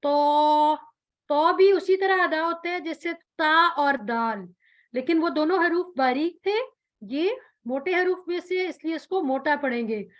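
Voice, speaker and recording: A woman's voice: high voice, unhurried. A woman teaching Quran recitation, patiently explaining letter sounds and stretching out each example sound. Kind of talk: tajweed pronunciation lesson.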